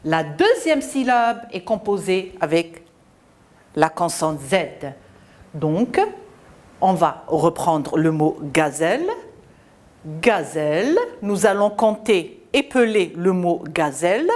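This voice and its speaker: A woman teacher giving a slow, deliberate phonics lesson to children, spelling out letters and syllables. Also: on the low side, animated, a little mellow.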